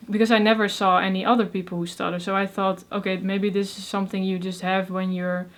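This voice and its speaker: Speaking a little fast in a flat, medium-pitched voice, this young Dutch-accented woman from the Netherlands chats as a guest in a casual interview. She laughs a lot, talks softly, stutters on first sounds and leans heavily on fillers.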